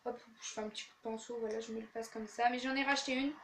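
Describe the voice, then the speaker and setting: A young woman with a fairly high voice talks through her finished beauty products in a chatty, rambling way, tired and tripping over words. She films herself at home by an open window, and there is a faint hiss under her voice. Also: steady tone, very fast. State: tired after a day of classes. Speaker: beauty vlogger. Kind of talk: casual product-review chat. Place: bedroom facing an open window, street traffic outside. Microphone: handheld camera without tripod.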